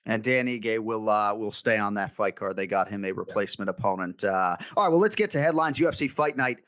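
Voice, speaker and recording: A man co-hosting a sports podcast, joking and teasing in quick casual banter. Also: fairly low pitch, lively intonation, a bit bright, no echo. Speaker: podcast co-host.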